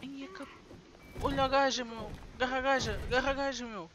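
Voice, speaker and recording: A man's voice: extremely high pitch, a little fast, noisy background. A man with a European Portuguese accent giving frantic, swearing commentary over his own gameplay. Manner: excitable, swearing, frantic exclamations. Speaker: gaming channel host.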